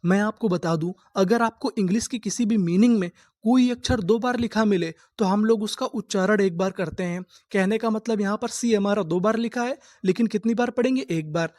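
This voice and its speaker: A man gives a spoken lesson to students, breaking long words into letters and sounding them out slowly. He asks a question and answers it himself, then drills each word by repeating it. His voice sounds dry, with no room echo. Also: sits high, darkish tone. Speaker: English reading teacher.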